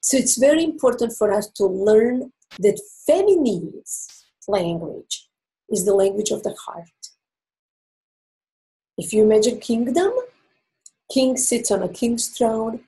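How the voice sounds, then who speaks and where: With lively intonation, her mellow mid-range voice comes through a low-quality recording. The native Croatian speaker, who has a Croatian accent, is an interview guest giving relationship advice, earnest and explanatory, pausing emphatically.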